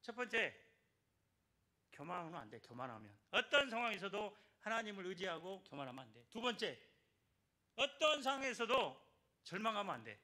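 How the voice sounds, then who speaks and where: Older male church elder, bright and forceful, preaching and urging his listeners. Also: sits high, big pitch swings, normal speed. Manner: exhorting, repeats key phrases, asks the congregation for responses. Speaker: church elder giving testimony. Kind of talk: evangelism testimony in a church service.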